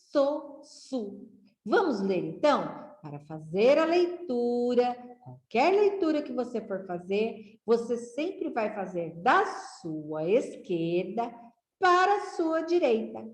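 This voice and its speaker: A woman teacher talks very slowly, stretching each syllable for young readers. Her voice is fairly high and swings widely in pitch as she checks in with the children. The room around her is echoey. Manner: drawn-out syllables, frequent "né?" and "tá?" checks. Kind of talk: slow, patient reading lesson for children.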